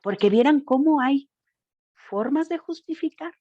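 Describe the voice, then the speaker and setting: A woman's voice: sits high, expressive, measured pace, dry recording, lo-fi sound. A woman giving an informal school talk on gender violence, speaking expressively and addressing the audience directly. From Mexico.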